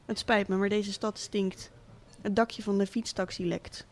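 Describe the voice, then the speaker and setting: A cynical, wealthy father who walked out on his family, talking in a dry, unhurried, sardonic tone, as a woman reads him aloud. The voice sits at an ordinary middle pitch, with measured pacing. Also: steady tone, slight background noise, lightly acted. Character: cynical rich middle-aged father, absent tycoon. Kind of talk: literary monologue reading.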